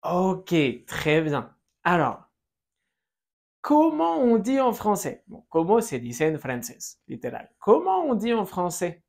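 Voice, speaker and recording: A woman teaching French to Spanish speakers, drilling phrases slowly and clearly and switching between the two languages. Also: fairly low pitch, very animated, darkish tone. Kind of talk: language lesson.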